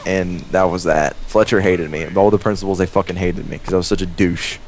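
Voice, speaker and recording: Heavy background noise surrounds a young man's brisk, low voice as he casually narrates a story while gaming. The retelling is rambling and profane, and he acts out the dialogue with animation.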